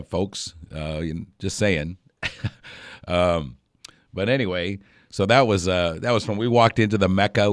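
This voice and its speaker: Deep-voiced radio host spinning a yarn. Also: male voice, no room sound, studio quality. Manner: rambling, chuckling, many fillers and restarts. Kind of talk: casual storytelling on radio.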